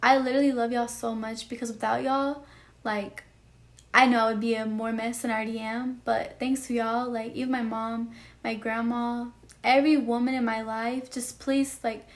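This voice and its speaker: A woman's voice: on the high side, flat delivery, normal speed. A nineteen-year-old woman telling a personal story in a vlog, emotional and rambling, full of "like" and "you know". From Texas. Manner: emotional, rambling, heavy use of "like". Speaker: vlogger.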